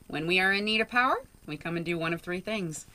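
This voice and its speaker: A woman in her thirties, a sailing vlogger, explaining her boat's power setup in a clear, informative tour-guide way from inside a cramped engine room. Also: fairly low pitch, fast, pushed and bright.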